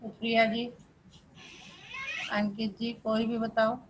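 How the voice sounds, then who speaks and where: A woman's voice: a little high, completely flat delivery, takes it slowly, slight background noise, poor audio. A woman teaching a spiritual class over a video call, explaining a scripture reading patiently with everyday examples. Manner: explains patiently with everyday examples, code-switching into English words.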